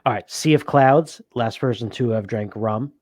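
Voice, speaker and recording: A man's voice: mid-range voice, moderate pace, a little mellow, husky, no echo. A man chatting loosely on a board game podcast, piling up fillers and laughing as he talks. His voice sits in the middle range and sounds dry and close, with no room around it. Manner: rambling, laughs often, many fillers. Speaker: podcast co-host. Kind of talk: casual chat.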